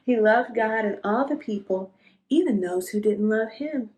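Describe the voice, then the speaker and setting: A woman reads a children's storybook aloud to young listeners, narrating expressively at an unhurried storytelling pace. Her voice is a little high and a little mellow.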